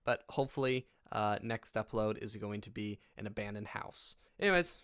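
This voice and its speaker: A man's voice: lowish voice, normal speed, a bit bright, smooth. A man hosting a casual reaction vlog, talking in a goofy, rambling way. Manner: goofy and rambling, laughs often. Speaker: YouTuber.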